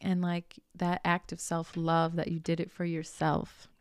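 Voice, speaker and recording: A young adult woman hosting a podcast, talking casually and earnestly about simple joys, sometimes dropping into a soft whisper and swearing lightly. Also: lowish voice, completely flat delivery, unhurried, clean tone, dry recording. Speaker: podcast host, spiritual coach. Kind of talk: casual motivational monologue.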